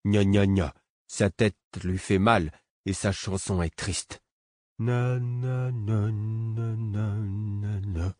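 A man voicing a simple-minded male servant, talking slowly and childishly in a singsong way. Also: low-pitched, fairly even intonation, no echo, studio quality. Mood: worried. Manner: slow singsong, halting childlike speech.

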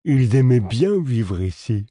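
A big, simple-minded man who whines like a scared child, his voice pitched high and bright with worry, a male narrator doing him. He sounds wary of everything around him. The reading is dry and close to the mic. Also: sing-song, slow, husky, no echo, exaggerated voice. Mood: dreamy. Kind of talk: audiobook character voice.

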